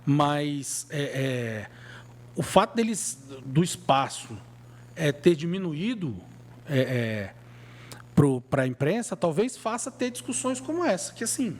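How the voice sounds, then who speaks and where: Animated Brazilian man chatting football. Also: a little high, slow. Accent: Brazilian Portuguese. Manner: animated, emphatic, colloquial. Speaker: podcast co-host. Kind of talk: casual sports chat.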